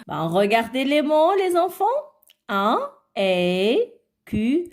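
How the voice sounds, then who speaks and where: A woman's voice: a little high, big pitch swings. A woman teaching a phonics lesson to children, drawing out each word and sound, and often checking that they follow. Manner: slow, drawn-out word and letter pronunciation; coaxing, frequent checks like "d'accord?".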